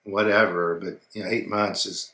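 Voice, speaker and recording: A man co-hosting a casual advice chat, talking in a relaxed way that trails off quietly, and reading a viewer's email aloud. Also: fairly low pitch, normal speed, roomy sound. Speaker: co-host of an advice show.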